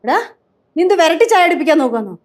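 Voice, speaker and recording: A sharp-tongued old grandmother. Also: sits high, big pitch swings. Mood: scolding. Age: older. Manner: scolding, quick-tongued. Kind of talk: TV sitcom acting.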